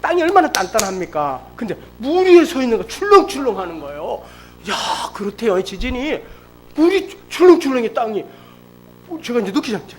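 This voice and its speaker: A middle-aged man preaching a sermon at a church service, telling a personal story with lively, acted-out storytelling. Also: extremely high pitch, a little fast. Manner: animated storytelling, acts out quoted speech. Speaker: pastor. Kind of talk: sermon testimony.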